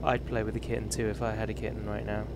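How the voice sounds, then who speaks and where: In a fairly low, flat voice, a British-accented man from England in his thirties talks fast while streaming a driving game. His chat is casual, rambling and self-mocking, and the game's truck engine and road noise sit behind it.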